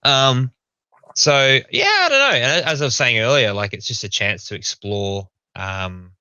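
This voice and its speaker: A man co-hosting a livestream, talking casually on a gaming headset while he paints miniatures, with a relaxed, rambling manner. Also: mid-range voice, measured pace, smooth, no echo, muffled recording. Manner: relaxed, rambling, laughs often.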